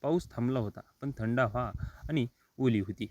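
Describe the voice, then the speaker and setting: A man's voice: mid-range voice, normal speed, a little mellow, no echo, lo-fi sound. Man narrating a story in a dry voice. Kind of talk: scripted first-person story narration.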